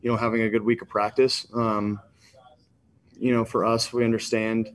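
A young quarterback speaks in a low, flat, subdued voice over a desk mic on a video call. He fills his answers with ums and the same stock phrases. It is a postgame press conference. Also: moderate pace, a little hiss or hum. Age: 20s. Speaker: football quarterback. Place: indoors in front of a sponsor backdrop.

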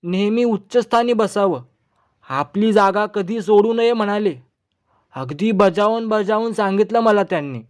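A man's voice: sits high, smooth, pitched above the performer's own voice. A man voicing a foolish, boastful village son-in-law in a comic storybook reading. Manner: naive and boastful, chattering in quick bursts.

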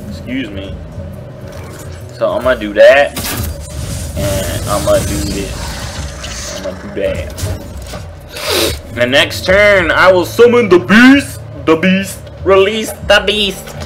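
A man casually commentating his own card game, teasing his opponent and slipping into mocking squeaky voices. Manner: playful trash talk at opponent, swings into squeaky mocking voices. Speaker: gameplay streamer. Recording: game music behind voice.

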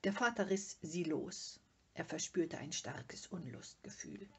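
A woman reads a storybook aloud in a slow, unhurried way. Her voice is husky and breathy, and she stays calm and measured. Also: on the low side. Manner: calm, measured, dropping to a near whisper. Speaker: reader. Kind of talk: audiobook narration.

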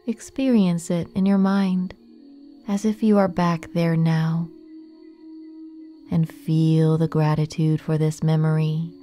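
Speaking very slowly, a woman with a deep, dark, relaxed voice leads a guided meditation. She sounds gentle and soothing, letting long pauses fall between phrases while faint music plays underneath.

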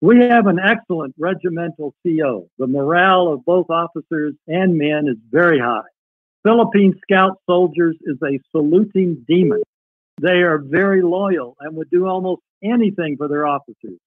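The guest is an older man with a fairly high voice who moves at a moderate pace as he chats and reads old wartime letters from a relative. No room sound is audible, but the audio has a tinny, phone-call feel.

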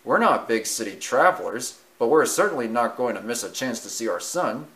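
Reader doing a plain father mouse, steady, reassuring, storybook dad. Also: medium pitch, normal speed.

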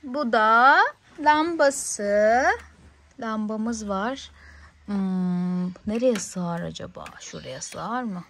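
Extremely slowly, in a medium-pitched and fairly bright voice, a woman unboxes toys playfully for a small child indoors on a living-room sofa. She talks to the child encouragingly and fills her speech with questions, with a little background noise present.

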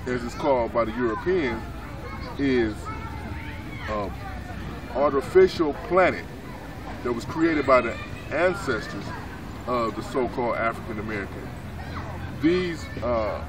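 A man in his forties, a minister, answering questions in a street interview in a city park, explaining earnestly and leaning on "so therefore". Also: mid-range voice. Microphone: camera mic at a few feet. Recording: distant outdoor mic, crowd noise behind.

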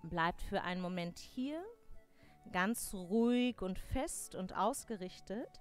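A young woman teaching a live yoga class, giving clear step-by-step cues on breath and posture, with playful corrections to her students. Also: medium pitch, expressive, slow pace. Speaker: yoga instructor. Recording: faint music behind.

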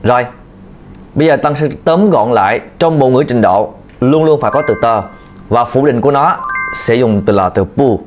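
A man teaching a video language lesson, patiently repeating key points to his learners. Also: mid-range voice. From Vietnam. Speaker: Chinese teacher.

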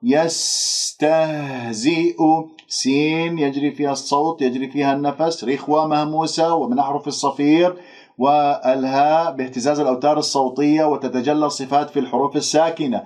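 A man teaching Quran recitation. He stretches out demonstration words slowly, then explains briskly. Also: on the high side, fairly even intonation, a little mellow. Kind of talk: pronunciation lesson. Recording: dull lo-fi recording.

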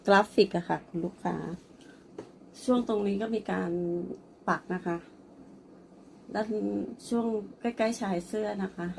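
A woman's voice: mid-range voice, a little slow, gravelly, long pauses, slight background noise. A woman presenting and selling a blouse, speaking politely and addressing the customer often. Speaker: online clothing seller. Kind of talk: product showcase sales pitch.

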